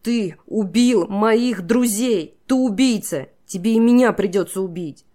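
A woman voicing a fierce fifteen-year-old captive girl who shouts in rage, in an audiobook. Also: medium pitch, normal speed, pitched above the performer's own voice, lightly acted. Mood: furious.

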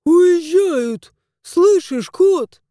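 A woman's voice: very high-pitched, animated, drawn-out words, mellow, no echo, clean studio sound, voice pushed up, heavily acted. A woman voicing an anxious, fussy little male house spirit in a storybook, agitated and scolding.

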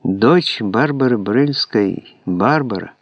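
A man's voice: on the low side, animated, slow pace, no room sound. Man reading an audiobook, dull dry sound. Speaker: audiobook narrator. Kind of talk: scripted narration.

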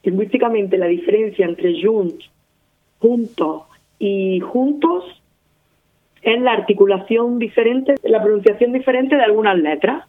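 A woman's voice: medium pitch, measured pace. A woman with an Andalusian accent arguing her point in casual radio talk, laying it out through repeated examples. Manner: argumentative, explains with repeated examples. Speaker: guest running a language-teaching project. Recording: narrow phone-like sound.

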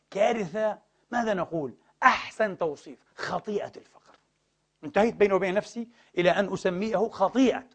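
Brief: male preacher, high voice, rapid-fire delivery, stresses points by repeating them. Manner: emphatic, rhetorical questions, repeats words for stress. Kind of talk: sermon lecture to a congregation.

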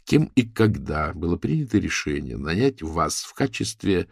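A man's voice: sits low, sing-song, moderate pace, creaky, slightly rough, no echo, studio quality, heavily acted. A man voicing a stern, impatient police major in an audiobook, questioning curtly. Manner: curt, businesslike questioning. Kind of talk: audiobook character voice.

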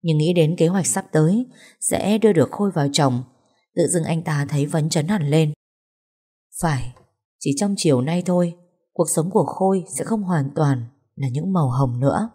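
A woman narrating a story for an audiobook channel with a steady, even storytelling read. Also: low voice, normal speed, breathy edge.

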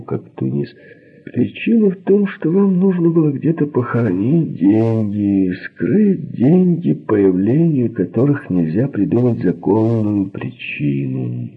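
Man voicing a husky, unhinged criminal. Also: medium pitch, very animated, a little slow, pitched above the performer's own voice, full character voice. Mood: rambling suspicion. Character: drugged unhinged male criminal, menacing. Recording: narrow phone-like sound.

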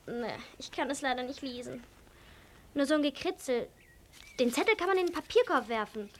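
A woman playing a young character in a radio play, speaking gently and coaxingly, often hushed. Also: high voice, animated, normal speed, slight background noise. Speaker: girl character Hannah.

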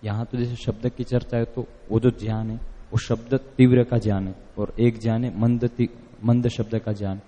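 A man in a philosophy class who raises his doubts and objections in a measured way. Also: mid-range voice, flat delivery, mellow, long reverb tail. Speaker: student. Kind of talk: classroom question.

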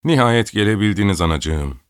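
A man's voice: fairly low pitch, animated, normal speed, smooth, no echo, clean studio sound, close to an everyday voice. A man reading an audiobook, voicing an old, imperious countess who scolds and gives orders. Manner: scolding, commanding, querulous.

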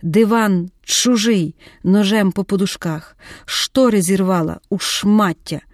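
A woman reading a dramatic audiobook in a measured, vivid storytelling voice. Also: medium pitch, no room sound, studio quality. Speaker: audiobook narrator.

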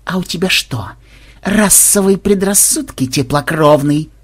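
Sullen, cold vampire in a fantasy audiobook, read by a man; curt, sarcastic, husky. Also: sits high, a little slow, pitched above the performer's own voice.

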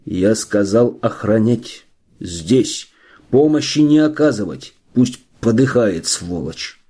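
A brutal middle-aged police chief snarls orders in a husky, mellow voice, a man acting him out. He barks each command, menacing even when he drops low, and his rage breaks through. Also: slow pace, heavily acted. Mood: cold menace.

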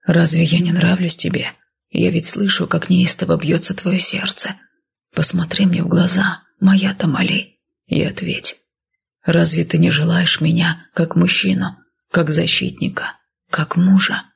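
A woman whispering as a husky, possessive man in whispered role-play. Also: lowish voice, little pitch movement, unhurried, exaggerated voice. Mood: tender, possessive. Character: possessive man, weary and commanding.

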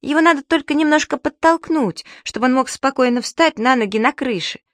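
A woman voicing an excitable, boyish little magical creature in an audiobook, talking in high, loud, bouncy shouts. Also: fairly quick, no room sound, clean studio sound. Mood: chirpy.

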